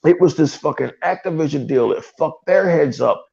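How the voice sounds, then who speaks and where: A man's voice: fairly high pitch, normal speed, gravelly, a little mellow, highs cut off. A man co-hosting a gaming podcast, ranting in heated, profane casual talk and mocking rivals with put-on voices. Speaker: podcast co-host.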